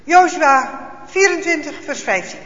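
A man voicing a calm, pious old grandfather who speaks gently and earnestly. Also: extremely high pitch, a little slow, pitched above the performer's own voice, exaggerated voice. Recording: echoey hall, dull lo-fi sound.

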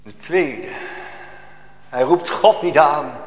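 A man preaching a sermon to a congregation, slow and solemn, rising to emphatic outbursts, recorded in a church. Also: fairly high pitch, echoey room, big-room sound, poor audio.

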